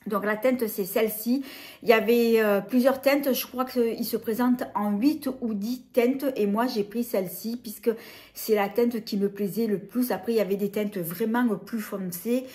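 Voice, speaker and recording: A woman's voice: on the high side, steady tone, moderate pace, a little mellow. A woman with a French accent casually reviewing lip glosses, hesitating often with fillers and restarts. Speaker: beauty vlogger.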